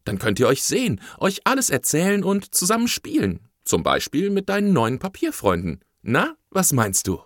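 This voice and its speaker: A man voicing a patient, caring mother who speaks softly and soothingly in a storybook reading. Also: fairly high pitch, wildly swooping pitch, moderate pace, few pauses, no echo, studio quality, voice pushed up. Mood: gentle. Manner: soft and soothing, briefly stern.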